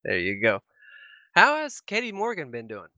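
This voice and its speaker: A man's voice: a little high, huge pitch swings, normal speed, bright, forceful tone, slight background noise. A man hosting a podcast in casual chat, laughing and teasing his co-hosts. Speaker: podcast host.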